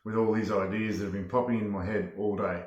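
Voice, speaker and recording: A man's voice: lowish voice, flat delivery, fast talker, dull audio. A man giving a casual, plain-spoken testimonial, feeling his way through his phrases a little hesitantly. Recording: echoey room.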